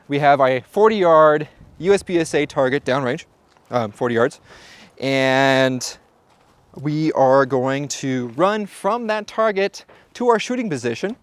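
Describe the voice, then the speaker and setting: Hosting a shooting channel video at the range, a man with a medium-pitched voice narrates in a casual vlog style, playfully joking and talking straight to the viewer. He is out of breath at times, and there is no echo.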